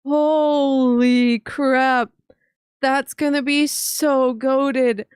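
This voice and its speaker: A woman streamer reacting live, talking in a gushing, excitable way with swearing and laughter. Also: high voice, very slow, smooth, no room sound, clean studio sound.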